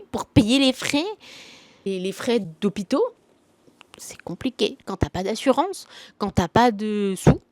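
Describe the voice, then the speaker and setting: A young woman talks casually about her favourite books, rambling and slangy, her sentences full of fillers and restarts. Her voice sits at an ordinary pitch for a woman. The sound is dry and close, with little room echo. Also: a little mellow. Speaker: book vlogger. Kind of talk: casual book review chat.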